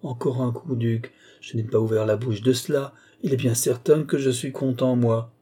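A man's voice: mid-range voice, fairly even intonation, moderate pace, warm tone, natural voice. A man reading a novel aloud, voicing an aging provincial baron who sounds fretful and pleading. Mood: protesting. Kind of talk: audiobook character reading.

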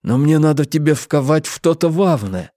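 Man doing a timid giant, slurred words, pleading, slightly raised pitch, dry sound. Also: expressive, normal speed, dark tone, dry recording, close to an everyday voice. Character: hulking giant man, timid, speech impediment.

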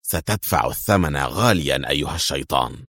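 A man voicing an angry, bullying Soviet general who shouts his lines. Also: deep voice, animated, brisk, breathy edge, no room sound, clean studio sound, exaggerated voice. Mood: furious. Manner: shouting in fury.

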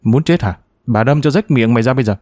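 A man's voice: medium pitch, quick pace, dark tone, no echo, studio quality, lightly acted. A man voicing a resentful, defiant middle-aged village woman who talks in a sulky, complaining way. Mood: threatening.

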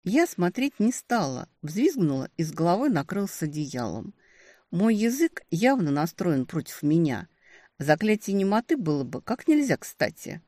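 A woman narrating a fantasy audiobook in the first person, in a steady storytelling manner. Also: lowish voice, normal speed, no echo.

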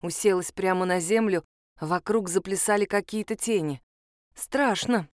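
A woman narrating a first-person fantasy story in a calm, measured manner. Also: mid-range voice, no echo, studio quality. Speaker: audiobook narrator.

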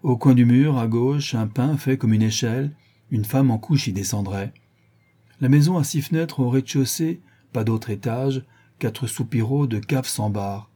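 A man reading the part of a cunning old one-eyed woman thief, reporting in brisk detail in an audiobook. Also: medium pitch, dark tone, lightly acted.

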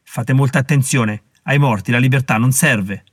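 A man's voice: mid-range voice, moderate pace, breathy edge, dry recording, clean studio sound, close to an everyday voice. A man voicing a stern, haughty colonial official who lectures and threatens with scorn in an audiobook reading. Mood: furious.

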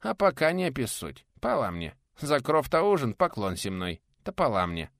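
A man voicing a rough, menacing medieval warrior who slurs his folksy speech, in an audiobook. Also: mid-range voice, wildly swooping pitch, normal speed, no room sound, studio quality, pitched above the performer's own voice. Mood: grumbling.

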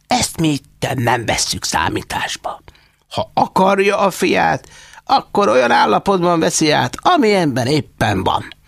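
Guy doing a fussy old lady in an audiobook, high and coaxing, gravelly husky edge, dry sound. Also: a bit bright, dry recording. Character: shrewd, fussy old woman foster mother. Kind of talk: audiobook character voice.

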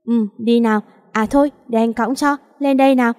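A woman voicing a kind, protective little boy who speaks gently and reassuringly. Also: fairly high pitch, steady tone, a little fast, clean tone, natural voice. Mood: gentle. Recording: long reverb.

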